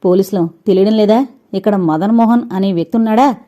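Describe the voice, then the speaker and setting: A woman voicing a stern male police constable who speaks curtly and flatly. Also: mid-range voice, fast talker, close to an everyday voice. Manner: curt, matter-of-fact.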